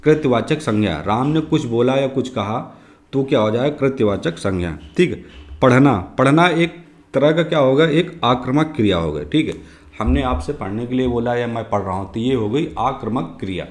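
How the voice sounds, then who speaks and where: Male exam-prep teacher, slightly hoarse, asks each question aloud and answers it himself. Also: mid-range voice, expressive, normal speed. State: slightly hoarse, clearing throat. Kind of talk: exam prep grammar lesson.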